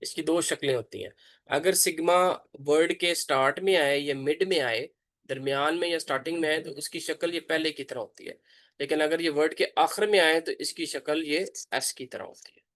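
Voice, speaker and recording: A man, a pastor, teaching an online Bible class, slowly pronouncing and repeating letter names for his students. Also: fairly high pitch, a bit bright, no room sound.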